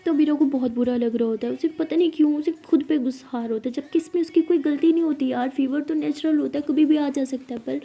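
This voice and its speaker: A woman's voice: high voice, fast talker, gravelly, few pauses, warm tone. A woman narrating a love story in a chatty, casual way, with conversational asides.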